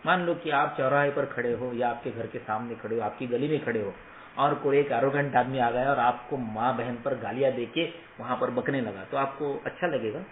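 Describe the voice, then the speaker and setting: A man's voice: mid-range voice, moderate pace, roomy sound, narrow, tinny audio, slight background noise. A man teaching Ayurveda students in an emphatic motivational lecture, often asking the class rhetorical questions. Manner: emphatic, rhetorical questions, mixes English phrases.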